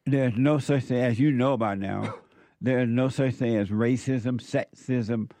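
A man hosting a call-in show, talking in a slow, emphatic preaching way and repeating his phrases. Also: medium pitch, fairly even intonation, warm tone, no room sound. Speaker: talk show host. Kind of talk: call-in and viewer-message talk.

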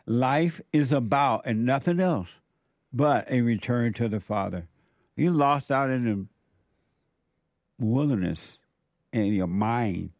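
A man hosting a call-in show, talking in a slow, emphatic preaching way and repeating his phrases. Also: mid-range voice, animated, a little mellow, no echo. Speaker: talk show host. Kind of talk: call-in and viewer-message talk.

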